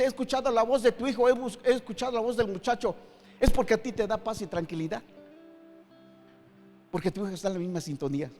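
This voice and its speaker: A middle-aged man preaching a sermon as pastor, emphatic, swinging between loud and hushed with many rhetorical questions. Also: high-pitched. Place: church hall. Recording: long hall reverb with faint guitar.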